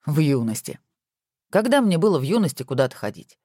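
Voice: medium pitch, sing-song, normal speed, darkish tone, no room sound, studio quality. A reader voicing a good-natured husband who banters playfully with his wife, in a storybook reading.

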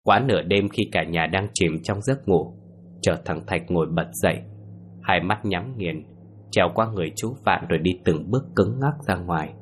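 A man narrating a ghost story in a slow, hushed, suspenseful manner. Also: low voice, a little hiss or hum.

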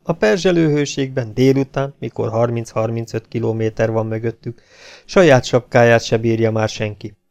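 A man reading an adventure novel aloud as an audiobook narrator, with a steady, slightly dramatic delivery. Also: medium pitch, vocal fry. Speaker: audiobook reader.

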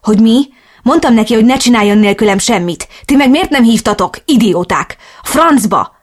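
A woman voicing a brisk, reassuring adult man in an audiobook, blunt and ready to curse. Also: mid-range voice, big pitch swings. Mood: furious. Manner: blunt, swears when angry. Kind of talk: audiobook dialogue reading.

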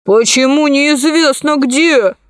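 A fussy, indignant fat man voiced by a woman reader blusters to defend his daughter. The voice stays fairly high and unhurried, in a dry, close recording. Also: clear, resonant tone, dry recording. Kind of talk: audiobook character voice.

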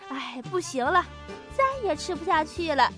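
Brief: a woman playing a naughty young boy, shrill and lively, loud and teasing, for a storybook. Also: moderate pace, over music. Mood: whiny. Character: mischievous naughty little boy.

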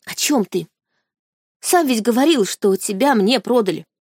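A woman's voice: on the high side, lively intonation, measured pace, a little mellow, slightly rough, no room sound, studio quality. A woman reading an audiobook, voicing a desperate young wife who speaks urgently and with agitation.

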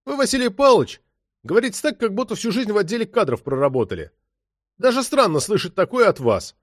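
A man's voice: high voice, expressive, a little fast, no room sound, clean studio sound, voice pushed up. A man voicing a brash, hot-tempered young male detective in an audiobook. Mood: resentful. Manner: aggressive, sulky.

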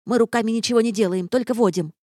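A woman doing a squeaky, cheeky jerboa. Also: quick pace, dark tone, dry recording, studio quality, lightly acted. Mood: indignant, sly. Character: cheeky fluffy male jerboa, whiny and sly. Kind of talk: audiobook character voice.

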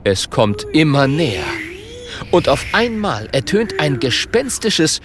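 A narrator reading a children's story aloud in an expressive storytelling manner. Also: medium pitch, takes it slowly, over loud music. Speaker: audiobook narrator.

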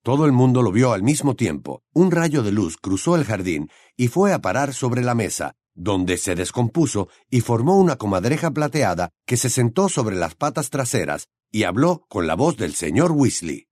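A man narrating an audiobook in an expressive, storytelling way on a close studio mic. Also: medium pitch, normal speed, hardly any pauses, dry recording. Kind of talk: scripted narration.

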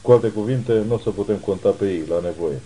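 Reading like an audiobook, a man plays a steady private detective, his very deep, dark voice measured and reassuring. He sounds low and unhurried, like a calm protector steadying others, and the mood is grave. The voice is natural, though the recording quality is low.

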